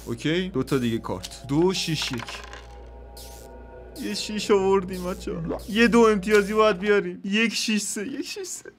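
A man commentating a dice game he is playing, counting rolls aloud and swearing or cheering at the results. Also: high-pitched. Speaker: gaming YouTuber. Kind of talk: casual let's-play commentary. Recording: game music behind voice.

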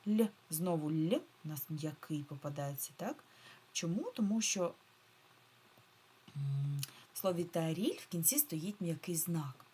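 A woman teacher giving a remote reading lesson to first graders, patiently repeating key words and stretching them out slowly, syllable by syllable. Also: low-pitched, expressive, dark tone, slight background noise. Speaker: primary school teacher.

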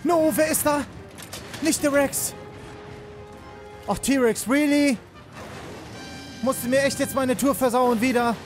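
A young man giving excitable live commentary on a game he is playing, rapidly repeating words and mixing in English slang. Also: very high voice. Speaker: let's player. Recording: game music behind.

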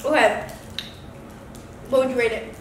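A woman's voice: fairly high pitch, fairly even intonation, measured pace. A woman chatting casually in a taste-test vlog while eating, trailing off mid-sentence. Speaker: vlog co-host. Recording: echoey room, voice from a distance, faint noise.

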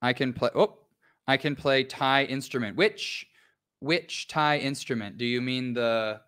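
Male English teacher, unhurried and smooth, chatty livestream lesson that reads out viewer comments. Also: medium pitch. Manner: relaxed, reads viewer comments aloud and drills words.

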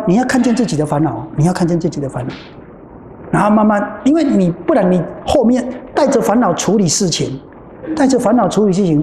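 A Buddhist nun with a Taiwanese Mandarin accent giving a dharma talk in a temple hall, animated and acting out dialogue from her stories. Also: medium pitch. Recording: roomy hall with faint noise.

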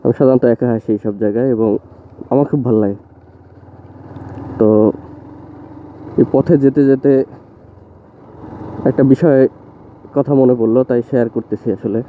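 A young motovlogger rides a motorbike along rural roads, chatting casually to camera in a loose, opinionated way. His mid-range voice is steady and normally paced, with long pauses. The phone mounted on the bike gives a thin, phone-like sound with faint road noise.

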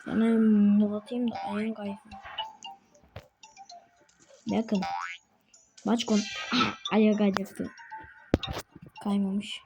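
A woman giving chatty gameplay commentary as a channel host, talking to herself and to other players and getting quickly frustrated. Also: mid-range voice, level tone, music in the background.

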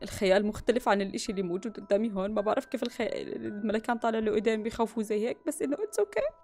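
A woman's voice: mid-range voice, lively intonation, racing, a little mellow, faint music behind. A young woman, commentating a horror game, gasping and jumping between muttering and yelps. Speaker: gaming YouTuber.

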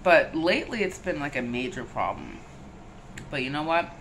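A woman co-hosting a casual talk show, speaking insistently and deadpan as she keeps steering the talk back to her own theory. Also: sits low, normal speed, a little hiss or hum. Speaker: co-host. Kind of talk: casual chat.

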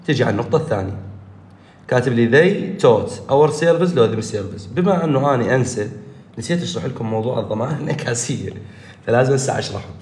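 A man's voice: mid-range voice, a little mellow, echoey room. A man with an Iraqi Arabic accent, teaching an online English grammar lesson, explaining step by step and answering his own questions.

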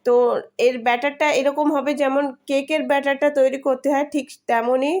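A woman with a hoarse voice from a cold, patiently explaining a home recipe step by step in a voice-over, with frequent fillers. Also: sits high, little pitch movement, moderate pace, a little mellow. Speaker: home cooking channel host. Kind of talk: cooking tutorial voice-over.

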